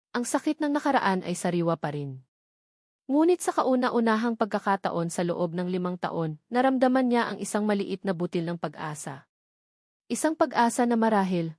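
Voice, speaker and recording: A Filipino-accented woman reads a scripted romance story as narrator, her mid-range voice a touch mellow. The studio recording is clean, without room sound.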